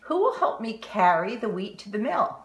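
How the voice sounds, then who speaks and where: A determined little red hen from a storybook, as a woman puts her on, high and lively in her pleading asks. Her voice swoops up and down while the room rings with echo around it. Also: moderate pace, natural voice. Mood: asking. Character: hardworking little red hen, stern and fed up. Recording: roomy echo.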